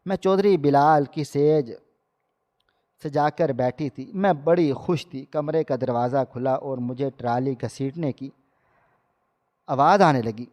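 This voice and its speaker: Man narrating with long hall reverb. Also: mid-range voice. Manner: steady, dramatic storytelling. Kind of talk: scripted story narration.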